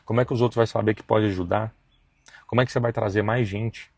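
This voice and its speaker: A man's voice: fairly low pitch, steady tone, quick pace, no echo. A man, hosting a faith and business live stream and preaching emphatically with slangy asides. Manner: emphatic, acts out gossiping voices with slangy asides. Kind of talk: preachy motivational talk.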